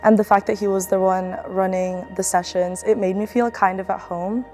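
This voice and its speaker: A woman's voice: medium pitch, fairly even intonation, normal speed, a little mellow. A young woman student athlete from the Philippines, speaking in a casual, reflective documentary interview with fillers and restarts. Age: young adult.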